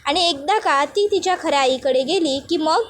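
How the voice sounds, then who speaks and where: A woman's voice: sits high, moderate pace, slight background noise, natural voice. Woman doing a scheming cold mother. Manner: coldly scheming, coaxing.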